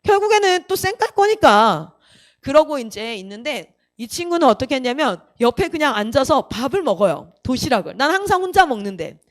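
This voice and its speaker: A woman missionary telling her own story to a young crowd, in a high voice that leaps up and down as she goes. She acts out other people's lines as she tells it and keeps turning to the listeners with direct questions. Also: big pitch swings, brisk. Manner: addresses the audience with direct questions. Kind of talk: personal testimony talk to a youth camp audience.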